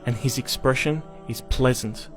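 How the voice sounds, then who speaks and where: Male narrator of middle pitch, steady measured read, music bed under the voice. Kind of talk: scripted documentary narration. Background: background music.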